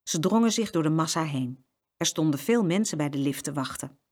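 A woman's voice: low-pitched, animated, a little fast, darkish tone. A woman reading a children's story aloud and acting out the sound effects.

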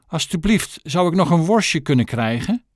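A man's voice: fairly high pitch, very animated, moderate pace, dry recording, studio quality, pitched above the performer's own voice. Man doing a kindly old tramp. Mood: pleading. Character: kindly old male tramp, gentle and eager.

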